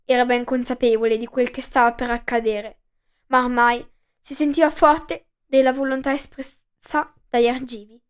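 A woman narrating an ancient myth in a steady, measured storybook reading. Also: on the high side, clear, resonant tone.

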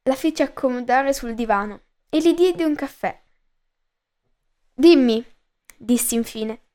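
A woman hosting a podcast and reading her own short story aloud in calm, measured first-person narration. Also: high-pitched.

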